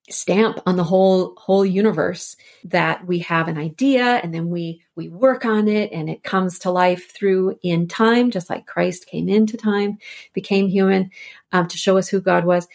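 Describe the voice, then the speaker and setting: A woman scholar, appearing as a podcast guest, lays out ideas in a thoughtful, conversational way. She often repeats words while working through a thought, and her voice is lowish.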